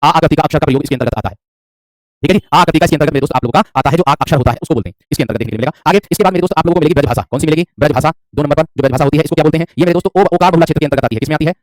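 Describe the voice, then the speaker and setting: Male Hindi teacher, rapid-fire delivery, dry close sound, repeats and quizzes. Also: a little high, no echo, faint music behind. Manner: repetitive, quizzing, calls students "my friend". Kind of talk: online class lecture.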